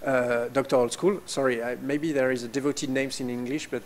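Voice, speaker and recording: A man with as his presenting a doctoral program at an information session, halting with frequent fillers. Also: mid-range voice, fairly even intonation. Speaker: program director.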